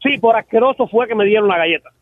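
A Cuban man with a cold, calling in to a radio show and talking loudly and jokingly. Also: sits high, quick pace. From Cuba. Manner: loud, jokey talk. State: has a cold. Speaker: caller. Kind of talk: call-in radio chat. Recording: phone line.

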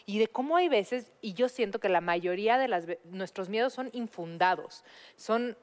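A woman hosting a talk show, who speaks reflectively and keeps steering the talk back to its subject. Her medium-pitched voice carries a long reverb tail. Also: animated, normal speed. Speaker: host. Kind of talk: casual chat.

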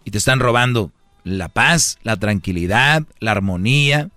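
A man's voice: lowish voice, expressive, moderate pace, sharp tone, no room sound, soft background music. A man with a Mexican accent, hosting an advice talk show for men and speaking in a brash, slangy, mocking way. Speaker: host giving relationship advice to men.

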